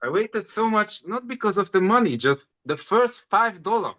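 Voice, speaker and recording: Man, 30s, bright voice, halting second-language English. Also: high voice, animated. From Hungary. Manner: halting non-native English, repeats words. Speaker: interview guest. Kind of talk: casual interview answers.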